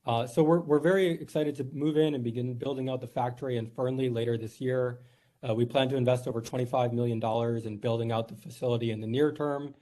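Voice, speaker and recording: Earnest man, mellow voice. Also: mid-range voice, fairly even intonation, fast. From New York. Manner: earnest, filler-heavy, polite. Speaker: company executive presenting. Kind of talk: formal presentation at a board meeting.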